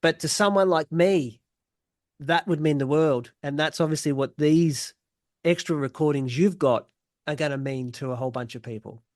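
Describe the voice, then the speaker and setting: A man hosts a podcast in a fairly high voice, eagerly chatting and chiming in with quick reactions. His voice sounds close and dry, with no room around it. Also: darkish tone, no echo. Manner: eager, reacting often with short interjections. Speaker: podcast host. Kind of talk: casual interview chat.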